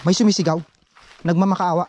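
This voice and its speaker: A man vlogging as he explores an abandoned forest site outdoors, talking in tense, hushed phrases. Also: high-pitched, steady tone, fast, slight background noise. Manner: tense, wary, talks in short hushed phrases. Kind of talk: hushed exploration vlog narration.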